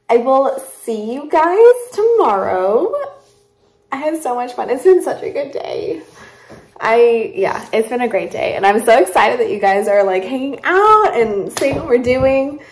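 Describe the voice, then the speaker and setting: A woman in her late twenties vlogs in a relaxed, chatty ramble. Her voice is husky and a touch hoarse after a loud night out. She keeps making fun of herself as she talks to the camera. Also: mid-range voice, dry recording. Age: late 20s. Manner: chatty and rambling, self-deprecating. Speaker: vlogger. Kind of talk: casual vlog chat to camera.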